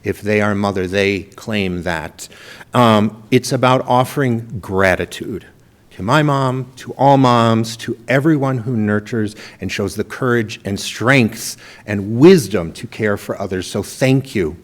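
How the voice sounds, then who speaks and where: A man, the pastor, gently offering reflective closing remarks in a church service. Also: lowish voice, unhurried. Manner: gentle, reflective, with filler ums. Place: church sanctuary.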